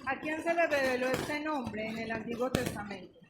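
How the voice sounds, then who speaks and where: A woman's voice: sits high, moderate pace, very noisy. A woman pastor preaching a sermon to her congregation, emphatic and questioning, teaching with questions. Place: church.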